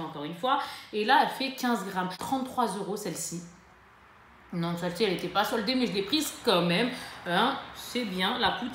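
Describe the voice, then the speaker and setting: Chatty woman vlogger in an echoey room. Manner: chatty, lively pitch swings, fillers and self-corrections. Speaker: beauty vlogger. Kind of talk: casual haul chat to camera. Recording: echoey room with faint ambient noise.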